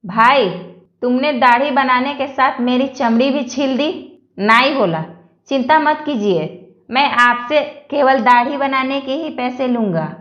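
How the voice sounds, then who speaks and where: A woman reading a string of jokes aloud, one after another, in an even manner. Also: sits high, measured pace, roomy sound, highs cut off. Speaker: joke reader.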